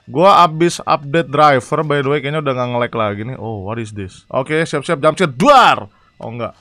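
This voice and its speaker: A young man casually commentating a horror game live, chatty and excitable, reading chat and yelling at scares. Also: mid-range voice, normal speed, no echo, soft background music. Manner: excitable, chatty, reacts loudly to scares and reads chat aloud. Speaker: gaming streamer.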